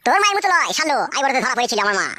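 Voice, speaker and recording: A woman's voice: high voice, very animated, rapid-fire, pushed and bright, no echo, clean studio sound, heavily acted. A woman voicing a crude, quarrelsome young husband in a comic cartoon.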